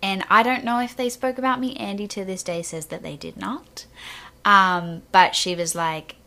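A woman's voice: mid-range voice, steady tone, moderate pace, gravelly, pushed and bright. A young woman telling a story as an interview guest, acting out the dialogue and laughing often. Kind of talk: casual interview chat.

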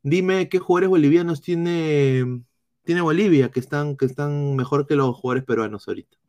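A man with a Peruvian accent doing live football analysis, reading chat comments in a blunt, swearing style with halting restarts. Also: fairly high pitch, a little mellow. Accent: Peruvian Spanish. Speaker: football streamer.

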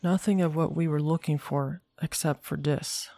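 A woman's voice: low voice, steady tone, normal speed, warm tone, no echo. A woman voicing plain, blunt young male soldiers speaking offhandedly. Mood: matter-of-fact. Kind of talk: storybook character voice.

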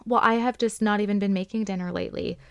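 A woman's voice: mid-range voice, fairly even intonation, fast, gravelly, clear, resonant tone, no room sound. A woman in her thirties co-hosting a podcast, chatting casually and acting out people in her stories. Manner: chatty storyteller, acts out quoted voices. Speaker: podcast co-host. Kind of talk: casual chat.

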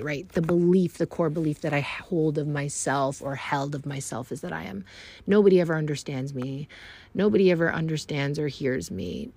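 A woman hosts a self-help podcast from home, speaking earnestly and reflectively in a casual way and often calling her listeners "you guys." Her voice is low, slightly rough, with vocal fry.

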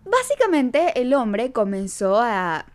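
A young woman telling a storytime to camera in an animated, self-mocking way. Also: a little high, slow pace. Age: young adult. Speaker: vlogger.

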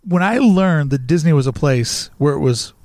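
A man chats as a podcast co-host, telling stories with plenty of animation and slipping into little quoted voices. His voice sits a bit high for a man. The sound is dry and close, with no room around it. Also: lively intonation, moderate pace, darkish tone, dry recording. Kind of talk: casual chat.

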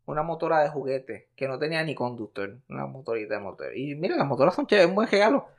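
A man's voice: medium pitch, fast talker, gravelly. Profane Puerto Rican man in his thirties. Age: 30s. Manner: animated, profane, mixes English words in. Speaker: podcast co-host. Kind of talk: casual chat.

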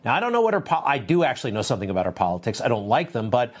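A man presents a talk show in a conversational, opinionated monologue. His mid-pitched voice moves up and down a great deal as he drops wry asides and rhetorical questions. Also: very animated, racing.

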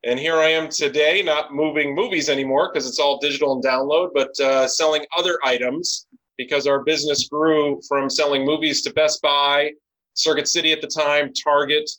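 A man's voice: fairly high pitch, fairly even intonation, moderate pace, sharp tone, low-quality recording. A man in his forties answering interview questions, telling long stories and listing things off as he goes. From United States. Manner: rambling storyteller, lists things off. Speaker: podcast guest, business owner.

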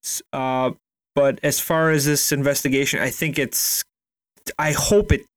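Blunt guy cohost on a sports podcast, emphatic and slangy, mid pitch, dry sound. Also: level tone, a little slow, dry recording. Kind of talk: casual opinionated sports chat.

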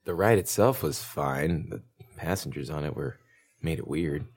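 A man playing a tabletop game, describing his character casually in halting, improvised phrases. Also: a bass voice, a little mellow, slightly rough.

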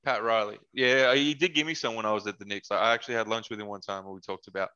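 A young man, a former basketball player, telling stories in a relaxed podcast chat and acting out what his friends said. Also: fairly low pitch, fast, smooth, muffled recording. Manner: animated storyteller, quotes friends in their voices, laughs often. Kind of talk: casual podcast chat, storytelling.

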